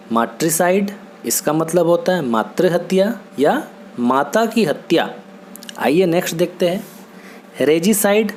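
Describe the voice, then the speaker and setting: A man teaching English words in a steady, patient lesson, often checking in with his listeners. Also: high-pitched, slight background noise. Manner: patient, repetitive, checks in with "theek hai?". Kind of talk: Hindi-language vocabulary lesson.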